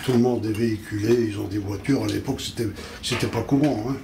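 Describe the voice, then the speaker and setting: A man's voice: fairly low pitch, quick pace, vocal fry, noisy background. A man chatting as a guest in a shop, insisting on his points and tagging his sentences with "hein". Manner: insistent, tags lines with "hein". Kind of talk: casual chat.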